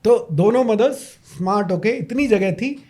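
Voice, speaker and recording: A man's voice: high voice, moderate pace, a little mellow. A man, a podcast guest telling a story dramatically and repeating lines for emphasis. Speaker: podcast guest, parenting coach.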